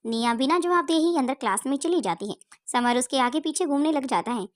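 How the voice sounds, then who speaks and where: High-voiced woman narrating a story. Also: animated, a little fast.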